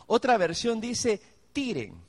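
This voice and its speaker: A man's voice: high-pitched, wildly swooping pitch, slow. A man preaching a sermon, speaking directly to his congregation and acting out the pleas of worried believers. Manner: acts out pleading believers in raised voice. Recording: long hall reverb.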